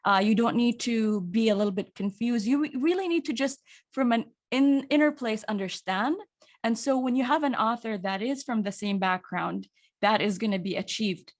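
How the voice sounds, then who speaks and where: Speaking at a normal speed with a slightly high voice, a Saudi Arabian actor and audiobook narrator gives a casual, thoughtful interview. Her Saudi accent is clear, and she tends to restart sentences midway.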